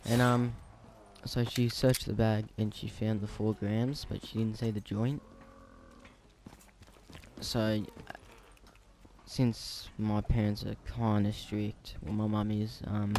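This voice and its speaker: A teenage guy with an Australian accent tells a personal story in a loose, rambling way, full of ums and restarts. His voice is fairly low and mellow with a flat delivery, and faint room ambience sits behind him. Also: slow pace, pauses often, a little hiss or hum. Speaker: storyteller vlogger. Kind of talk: casual storytime vlog.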